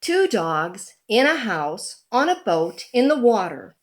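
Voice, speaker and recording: A woman with a medium-pitched voice reads a children's picture book aloud, telling the story in a deliberate, animated way.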